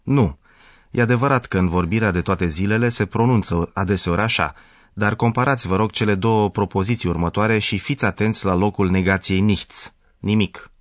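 A man as the language professor on a radio lesson, giving calm, measured grammar explanations. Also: on the low side, no echo.

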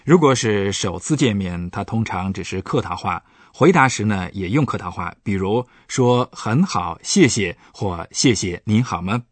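A man speaking as a professor in a radio language lesson, explaining points patiently and clearly. His voice sits fairly low but moves with lively intonation. The recording is close and dry. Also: unhurried, few pauses, dry recording.

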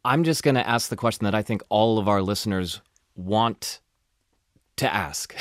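A man's voice: fairly low pitch, normal speed, dry recording. Curious man hosting a podcast, dry sound. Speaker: podcast host. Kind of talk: podcast interview.

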